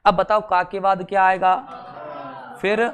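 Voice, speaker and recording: A man's voice: sits high, level tone, measured pace, fairly bright tone, a little hiss or hum. A male teacher giving an exam-prep grammar lesson, drilling syllables in chanted rows, joking along the way and repeating "theek hai" often.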